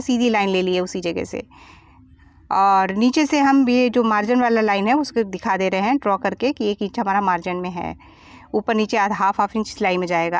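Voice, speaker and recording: A woman's voice: mid-range voice, no echo. A woman giving a step-by-step sewing tutorial as a voice-over, patiently explaining each measurement and cut. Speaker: sewing teacher.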